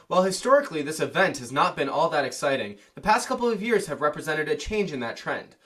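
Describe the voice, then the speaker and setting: A young man reads the lead stories in a slightly high voice. His delivery is earnest and formal, in the manner of an anchor opening a newscast. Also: sing-song, fast talker, fairly bright tone. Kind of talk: scripted news reading.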